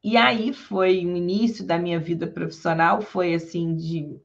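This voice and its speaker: A woman, a public defender, giving a lecture and telling stories from her career in a lively way, acting out the people she quotes, with a Rio de Janeiro accent. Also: lowish voice, measured pace, gravelly. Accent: Rio de Janeiro Portuguese. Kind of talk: storytelling lecture. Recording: dull lo-fi sound.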